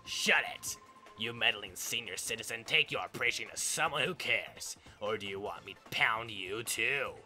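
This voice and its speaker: A man's voice: fairly low pitch, normal speed, sharp tone, soft background music. Guy voicing a sneering thug villain. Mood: taunting. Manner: sneering, taunting. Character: brash young male villain grunt.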